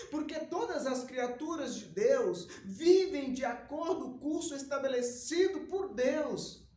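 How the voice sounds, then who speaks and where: A man preaching a sermon and praying with an earnest, emphatic delivery. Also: very high-pitched. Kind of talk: sermon with opening prayer. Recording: echoey room.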